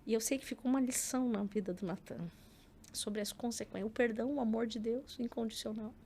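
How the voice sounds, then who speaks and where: Brazilian lady on a podcast, middle aged, a bit gravelly, faint hiss behind her, acts out the quotes. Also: on the high side, steady tone, brisk, mellow. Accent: Brazilian Portuguese. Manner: storytelling with acted quotes and frequent filler words. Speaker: podcast guest. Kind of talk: casual interview chat.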